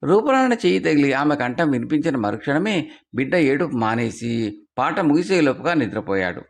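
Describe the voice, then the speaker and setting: A man's voice: mid-range voice, normal speed, vocal fry. A man telling a folk tale for children, bringing the dialogue to life as he reads. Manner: lively expressive telling with acted dialogue. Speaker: storyteller. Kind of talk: storytelling for children.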